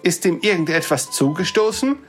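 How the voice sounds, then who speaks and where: Narrator putting on a jittery dwarf tinkerer, high and hurried, fussy and eager. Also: expressive, a bit bright, faint music behind, natural voice. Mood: wary. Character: hurried, flustered male dwarf toymaker.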